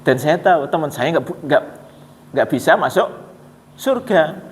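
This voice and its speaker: A preacher puts on a gentle, devoted man who will not leave his friend behind. The voice pleads quietly, with a rising, lively lilt, and it rings through a long, echoing mosque hall. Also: a little high, a little slow, slight background noise. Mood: earnest resolve. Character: kind-hearted man refusing heaven for his friend.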